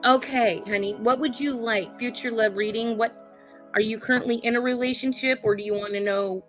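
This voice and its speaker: A woman with a cold, her voice going hoarse, giving live psychic card readings and calling her viewers honey and darling while checking in with "okay?". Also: fairly high pitch, fairly even intonation, fairly quick, soft background music. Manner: calls viewers honey and darling, adds "okay?" tag questions.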